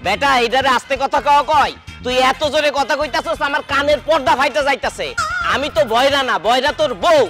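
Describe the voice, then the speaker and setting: An actor playing a mocking young male friend who teases loudly, in a comic drama. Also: very high voice, fairly quick, music in the background. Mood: teasing. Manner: teasing, mocking, loud.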